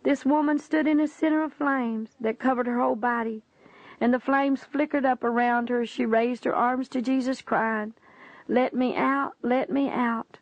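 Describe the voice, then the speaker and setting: Woman, reading a religious book aloud, earnest, preachy, raspy fry, dry close sound. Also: fairly high pitch, steady tone, normal speed, no echo. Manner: earnest, preachy, addresses the listener as "my friend". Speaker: reader of a religious testimony. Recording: dull, dry lo-fi recording.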